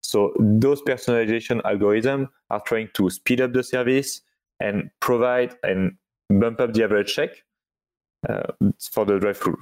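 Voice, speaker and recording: Low-voiced man explaining haltingly. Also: fairly even intonation, low-quality recording. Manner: halting, searching for words, non-native phrasing. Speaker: podcast guest, company product executive. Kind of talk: explanatory interview answers.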